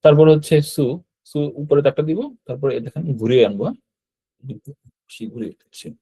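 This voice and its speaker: A Japanese language teacher, a man with a warm, husky voice on the high side, runs an online lesson on writing characters step by step. He patiently repeats each stroke and often checks in with a quick "hyaan," meaning yes. He's recorded on a computer mic while drawing with a mouse.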